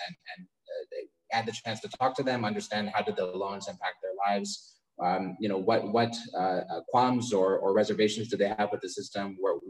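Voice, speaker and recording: A man's voice: on the low side, low-quality recording. A young man talking as a podcast guest about his company, often repeating words and restarting his sentences while he thinks. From United States. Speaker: podcast guest, startup founder. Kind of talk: casual interview conversation. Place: remote call from abroad.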